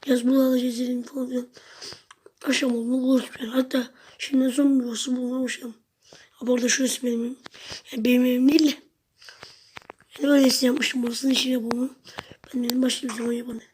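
A woman with a high voice that stays on a narrow, even line talks her way through a video game for her viewers, muttering to herself and now and then bursting out loudly. Faint noise and clicking sit behind her. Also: fast, long pauses. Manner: chatty, talks to herself and viewers, sudden loud outbursts. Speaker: gameplay video host. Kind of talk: casual gameplay commentary.

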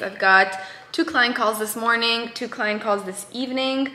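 A woman's voice: medium pitch, sharp tone. A woman in her twenties, a fitness coach, chatting casually to camera at home, full of "like" fillers. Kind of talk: casual vlog chat to camera. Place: home kitchen and dining room. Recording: echoey room.

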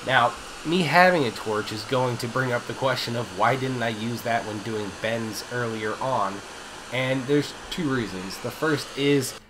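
Man, nasal from a cold, casual voice-over, mid pitch, easygoing explaining, shop tool noise behind. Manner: casual, relaxed explaining with fillers and restarts. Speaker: metal fabrication channel host. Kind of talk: voice-over narration of a build.

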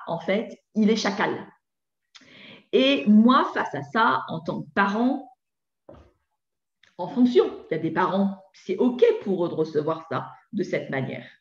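A woman giving a public parenting talk on nonviolent communication, speaking conversationally with many fillers. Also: medium pitch. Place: municipal conference hall. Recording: echoey hall, slightly dull sound.

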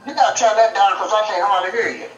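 An older woman talking as a grandmother on the phone, stern and scolding, who keeps asking what was said. Her voice comes through a speakerphone, distant and roomy with a clear echo. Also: medium pitch, quick pace, lo-fi sound. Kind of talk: phone call.

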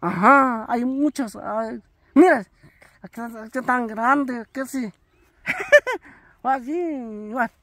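A man from Oaxaca, answering questions in halting, repetitive murmurs during a casual chat. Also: extremely high pitch, pushed and bright, no room sound. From Oaxaca, Mexico. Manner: halting, repeats himself, answers in short murmurs. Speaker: interviewee.

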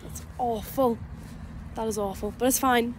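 A woman's voice: a little high, steady tone, normal speed, heavy background noise. A young Scottish woman, a university student, chatting casually to her phone camera and giggling often. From Scotland. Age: young adult. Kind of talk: casual vlog chat.

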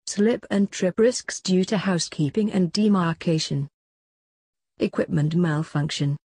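Husky, dry voice reading safety points. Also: medium pitch, dry recording. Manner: even, list-like delivery of short phrases. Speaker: safety instructor. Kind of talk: reading slide bullet points aloud.

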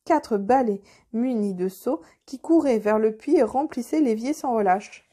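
A woman reads a children's storybook aloud, gentle and expressive. Her voice sits a little high but sounds soft and mellow rather than bright. The pacing suits a bedtime tale. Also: unhurried. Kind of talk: children's audiobook narration.

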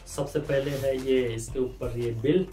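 This grocery-unboxing vlog features a man in his thirties from India, filming indoors before a green screen and purple backdrop. His mid-range voice runs a little slow over music, and the audio is poor. He's chatty and animated, gesturing while he speaks.

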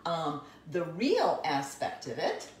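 A woman's voice: deep voice, wildly swooping pitch, slow pace, a little hiss or hum. A middle-aged woman casually chatting about the art in her home as she walks through her laundry room. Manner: chatty, self-deprecating, enthusiastic. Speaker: artist giving a home art tour. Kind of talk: casual live-stream tour. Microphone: handheld phone camera. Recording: echoey room, phone held at a distance.

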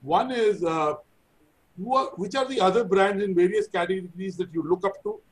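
A middle-aged man with an Indian accent and a notably high voice hosts an interview on a video call. He talks in a chatty, anecdotal style and pokes fun at himself. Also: moderate pace, poor audio. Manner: chatty, anecdotal, self-deprecating. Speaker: interview host. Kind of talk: conversational interview. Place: indoor room, video call.

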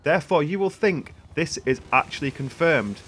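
British guy doing sarcastic parody news anchor bit, slightly high voice, game gunfire noise behind him. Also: expressive, normal speed, a bit bright. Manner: sarcastic, mock-serious news delivery. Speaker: gaming news YouTuber. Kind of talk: parody news anchor commentary over gameplay. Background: video game gunfire.

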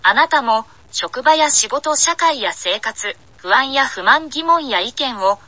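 A woman making an election loudspeaker announcement, addressing passers-by deliberately, phrase by phrase. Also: sits high, lively intonation, dry recording. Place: outdoor paved city plaza.

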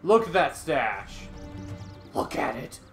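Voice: medium pitch, big pitch swings, slow. A gamer chatting and joking while playing with friends. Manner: playful, joking. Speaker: player. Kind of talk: group let's play chat. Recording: echoey room with game music.

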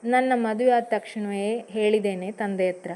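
A woman narrating her own first-person story in a measured, expressive way. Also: medium pitch.

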